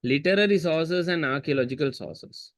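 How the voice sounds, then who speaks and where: A man's voice: fairly high pitch, moderate pace, no room sound. A man teaching a history seminar over a video call, repeating key terms and quizzing students with chatty asides. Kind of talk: online seminar lesson. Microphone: computer mic on video call.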